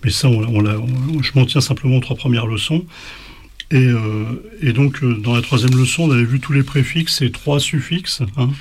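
A man's voice: medium pitch, moderate pace, a little hiss or hum. Hesitant man teaching a lesson. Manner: hesitant, many fillers and restarts. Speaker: language teacher. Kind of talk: casual spoken lesson.

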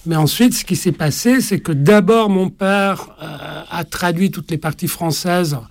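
Hesitant man in his forties, gravelly. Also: high voice, unhurried, no echo. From Italy. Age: 40s. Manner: hesitant, many fillers and restarts. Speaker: author. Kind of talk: interview conversation.

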